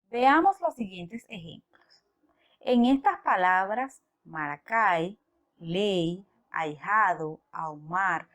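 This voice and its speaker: Female teacher, slightly high voice, unhurried lesson delivery. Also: fairly bright tone. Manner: slow, deliberate, spelling out examples. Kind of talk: educational lesson narration.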